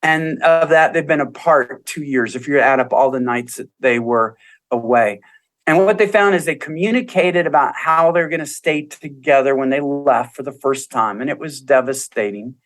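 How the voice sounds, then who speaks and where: A man's voice: fairly high pitch, expressive, normal speed, fairly bright tone. A man, a guest on a podcast, earnestly telling stories about couples and acting out what they said. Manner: earnest storytelling, acts out quoted voices. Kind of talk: casual interview talk.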